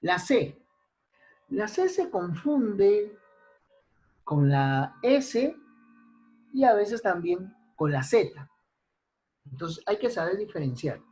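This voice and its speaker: A man's voice: high-pitched, sing-song, darkish tone. A man teaching an online spelling class, listing example words one by one and checking in with his students. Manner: slow, deliberate, lists examples and checks in with "¿ya?". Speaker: language teacher. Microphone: computer mic in an online class.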